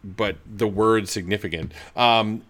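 A man's voice: fairly low pitch, fairly even intonation, unhurried, fairly bright tone. A man co-hosting a podcast in casual chat, laid-back, with short agreeing replies and dry asides. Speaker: podcast co-host. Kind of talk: casual chat about a TV episode.

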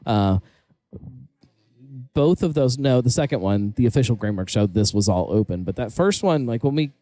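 At a corner table in a brewery tap room, a man hosts a podcast full of casual, rambling, jokey chatter. His voice is warm and medium-pitched, animated, at a normal speed.

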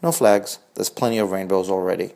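Man, 40s, low pitch, gravelly edge, wry reflective storytelling, scripted essay narration. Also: a little fast, darkish tone. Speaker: blog host.

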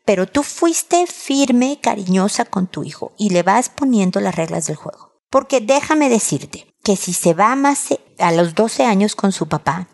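A woman hosting an advice show, giving parenting advice to a caller. She talks warmly but firmly and acts out little scenes between a mother and her child. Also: on the low side. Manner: warm, firm, acts out child and mother dialogue.

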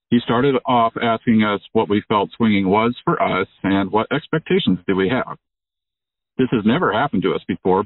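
A man from Ohio leaving a recorded voicemail question over a phone line, steadily reading out a list of questions. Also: mid-range voice. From Ohio, USA. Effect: heard over a phone line on voicemail. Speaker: voicemail caller. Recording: tinny phone line with faint hiss.

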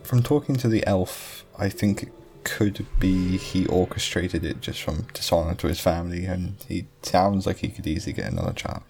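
A man's voice: low voice, sing-song, normal speed, vocal fry, a little mellow. A man playing a tabletop role-playing game, talking casually in character.

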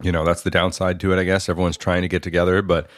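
A man's voice: low-pitched, little pitch movement, rapid-fire, no room sound, studio quality. A man, co-hosting a casual chat podcast, joking and talking between bites of food. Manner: joking, talks while eating. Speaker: podcast co-host.

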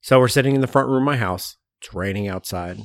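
A man hosting a casual podcast from the front room of his house, relaxed and jokey. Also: medium pitch, fast talker, no room sound, studio quality. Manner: relaxed, jokey, laughs often. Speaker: podcast host.

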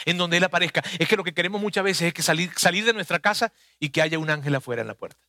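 A man's voice: fairly high pitch, fast, pushed and bright, no room sound, studio quality. A man, preaching a conversational sermon that speaks earnestly and personally to the listener.

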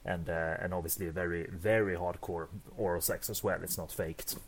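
A man's voice: low-pitched, steady tone, moderate pace, a little hiss or hum. A man co-hosting a casual movie podcast, stammering and repeating words, often chuckling. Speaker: podcast co-host.

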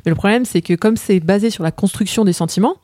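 A woman from Paris reviewing manga in a casual panel chat, lively, with many fillers and laughs. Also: medium pitch, fast talker, no room sound, clean studio sound.

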